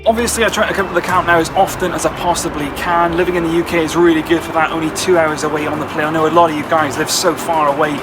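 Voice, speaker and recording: A man's voice: a little high, flat delivery, fast, few pauses. A man in his twenties from Wales hosting a football vlog outdoors at a stadium. He talks eagerly and earnestly and piles on superlatives. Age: 20s. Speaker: football channel host. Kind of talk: enthusiastic vlog talk to camera. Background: background music.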